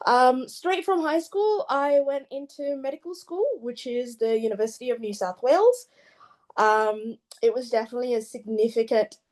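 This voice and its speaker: A woman's voice: mid-range voice, darkish tone. Young woman, candid, self-deprecating, video call. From Malaysia, raised in Australia. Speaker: emergency doctor presenting to delegates.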